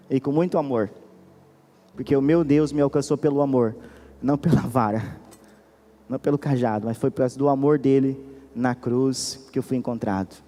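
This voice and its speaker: A man with a Brazilian Portuguese accent preaching a sermon as pastor, earnest and pleading, moving between quiet and insistent. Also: mid-range voice, big-room sound. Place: church hall.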